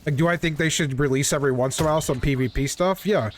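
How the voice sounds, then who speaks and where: A man with a slightly high voice rants casually about video games as a player would. He repeats himself to press his complaints and swears freely. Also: quick pace. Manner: repetitive, insistent complaining. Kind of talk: casual gaming chat, ranting opinions.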